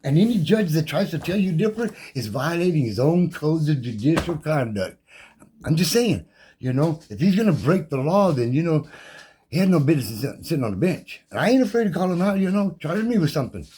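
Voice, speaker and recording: A combative man talks on in a loose, profane rant, daring anyone to challenge him. His voice is somewhat husky and sits a bit high for a man. His pitch jumps around a great deal as he repeats himself and reels off legal codes. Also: big pitch swings, brisk, dark tone. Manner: combative, defiant, rattles off legal code numbers; loose, repetitive, slangy and profane. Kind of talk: impassioned monologue rant.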